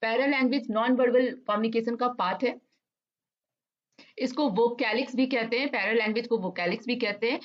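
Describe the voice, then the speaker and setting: Lady teaching an exam lesson, bit high voice, reads the bits slow, dull lo-fi sound. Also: steady tone. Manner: mixes Hindi and English, reads English answers slowly and deliberately. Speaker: online lecturer. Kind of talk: exam-focused lecture.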